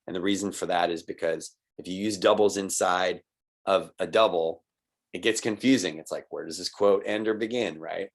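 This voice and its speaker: A man's voice: deep voice, fairly even intonation, moderate pace. A man teaching a recorded online college writing lesson, explaining patiently and checking in with "right?" and "okay?". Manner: explanatory, patient, with little laughs.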